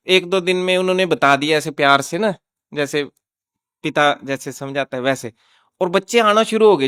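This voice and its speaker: A man's voice: high-pitched, clear, resonant tone, no echo, clean studio sound. A man who teaches at a government school, telling how he changed the way he teaches, acting out his own words and his pupils' replies as he goes. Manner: animated anecdotal telling, quoting his pupils. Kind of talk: storytelling in a talk show.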